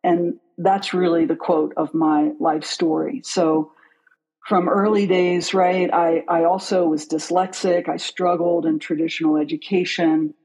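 A middle-aged guest from West Virginia tells their own story in an earnest, unhurried way. The voice is dark and soft, with a husky edge. They slow down to land the points that matter. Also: medium pitch, level tone, poor audio. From West Virginia, USA. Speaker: guest, business leader. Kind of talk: reflective personal storytelling.

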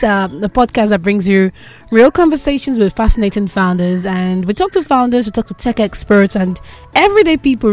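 A woman hosting a podcast interview in an informal, conversational way, checking in with "right?". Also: mid-range voice. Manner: informal, often adds "right?". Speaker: podcast host.

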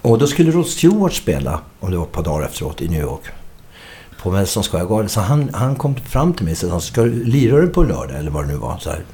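A man's voice: deep voice, big pitch swings, mellow, slight background noise. A middle-aged man, a musician guest, telling a story in a casual interview, acting out the quoted dialogue and swearing casually.

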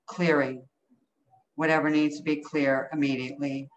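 A woman's voice: deep voice, flat delivery, normal speed. A woman leading an improvised energy healing session as a healer, speaking in short, incantatory phrases with repeated commands. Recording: dull, lo-fi call audio with noise.

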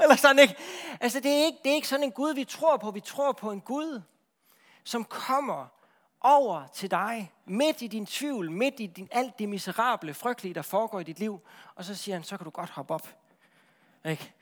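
A high-voiced man gives a sermon, speaking in a lively, chatty way, looping back over words and regularly checking in with listeners.

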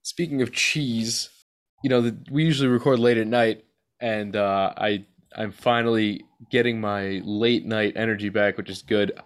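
A man with a fairly low voice hosts a podcast in casual chat. He speaks colloquially, as if to a close buddy. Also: fairly even intonation, normal speed. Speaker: podcast host.

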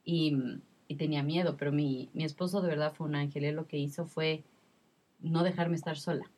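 A woman's voice: low-pitched, steady tone, normal speed, darkish tone. A woman in her thirties in a casual conversation, telling a personal story with emotion and a lot of repetition. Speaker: guest sharing her experience.

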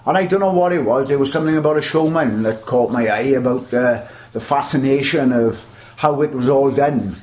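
A man's voice: mid-range voice, brisk, a little mellow. An older man with a South Wales Valleys accent, reminiscing in a chatty, rambling way as an interview guest. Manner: rambling, chatty storytelling with repeated starts. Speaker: interview guest, veteran butcher.

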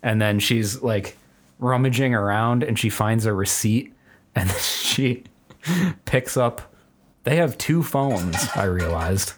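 A man's voice: fairly low pitch, takes it slowly. A young man chatting casually on a podcast, telling a rambling story full of fillers and restarts. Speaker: podcast co-host. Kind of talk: casual chat.

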